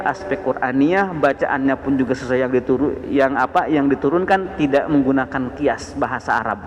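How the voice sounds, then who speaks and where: A man with a Sundanese accent teaching a dawn study session on the Quran, with animated rising emphasis on key words. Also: medium pitch. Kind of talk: mosque study sermon. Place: mosque. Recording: echoey mosque hall.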